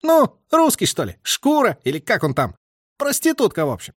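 A man's voice: sits high, wildly swooping pitch, normal speed, no echo, clean studio sound, voice pushed up, full character voice. A man doing a brash, jeering young soldier. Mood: mocking. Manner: jeering, coarse soldier slang. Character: brash young male soldier, mocking and loud.

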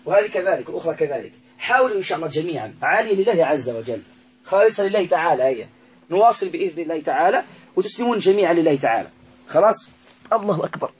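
A man's voice: on the high side, animated, racing, low-quality recording. A man acting as a ruqyah healer, commanding and repeating himself as he addresses a spirit in an exorcism session, full of religious phrases.

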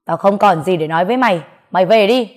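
A woman voicing an angry middle-aged father who scolds his grown daughter loudly, in a storybook reading. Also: medium pitch, fast, close to an everyday voice. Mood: furious. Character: furious middle-aged father, harsh and shouting.

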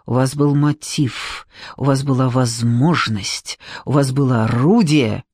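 A woman's voice: fairly low pitch, unhurried, no room sound. A woman doing a cold pushy lady investigator, hisses her accusations, dry close sound, audiobook style. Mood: stern. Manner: cold, pressing, hissing at times. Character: stern blonde female police investigator, accusing.

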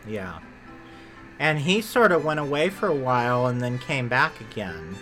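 Bright-voiced chatty male podcast host. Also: mid-range voice, very animated, unhurried, soft background music. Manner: chatty, rambling, self-correcting. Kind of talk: casual chat about theme park attractions.

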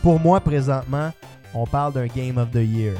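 Excited Quebec French man reviewing a game. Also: mid-range voice, normal speed, faint music behind. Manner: enthusiastic, heavy fillers. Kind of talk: casual panel chat.

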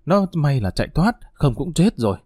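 A man's voice: a little high, very animated, normal speed, warm tone, husky, no room sound, clean studio sound. A man voicing an agitated middle-aged village woman who talks breathlessly with exclamations. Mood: alarmed.

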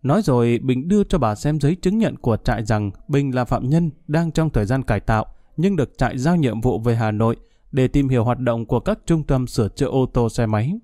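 A man narrating a story in a calm, steady storytelling voice, speeding up a little in the dialogue. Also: mid-range voice, fairly quick, dry recording, studio quality. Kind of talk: audiobook narration.

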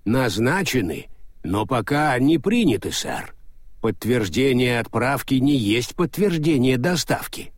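A man voicing a fussy, nervous old male postman with a wheezy, hoarse whisper and a very formal way of talking. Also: medium pitch, big pitch swings, measured pace, no echo, studio quality, voice pushed up. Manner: formal, ends sentences with "sir". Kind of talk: audiobook character voicing.

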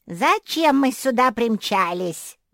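A woman voicing a nasty male dragon with a shrill, squeaky voice in a storybook reading. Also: animated, slow pace, vocal fry, a bit bright, no echo, clean studio sound, exaggerated voice.

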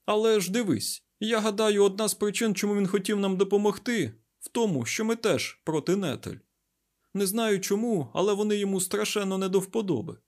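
A man voicing an agitated male scientist in an audiobook, loud and urgent. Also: high-pitched, a little fast, voice pushed up. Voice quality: loud, raised, breathless urgency. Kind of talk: audiobook character voice.

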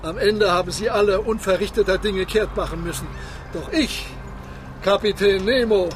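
Radio play role: commanding, proud submarine captain, measured and declamatory, higher register, heavy atmosphere sounds behind. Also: male voice, noisy background. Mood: proud, triumphant. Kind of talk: dramatic radio play acting. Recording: loud ambient sound effects behind the voice.

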